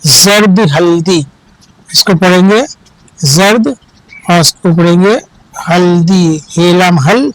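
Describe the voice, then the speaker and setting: A man's voice: sits high, slow, long pauses, dry recording, poor audio. A man teaching children to read Urdu, spelling out each word letter by letter, repeating it and correcting common misreadings. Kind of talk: slow spelled-out reading lesson for children.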